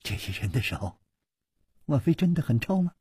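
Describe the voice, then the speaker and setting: A man voicing a sly, cruel male innkeeper who giggles as he speaks, in a breathy voice, in a storytelling recording. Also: medium pitch, very animated, normal speed, darkish tone, dry recording, pitched above the performer's own voice. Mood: mocking giggle.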